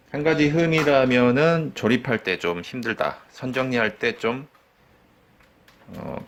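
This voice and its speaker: Low-voiced man explaining a PC build. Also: slight background noise. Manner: plain, informal talk with fillers and trailing sentence ends. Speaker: computer shop owner showing a PC build. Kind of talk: casual hands-on product walkthrough.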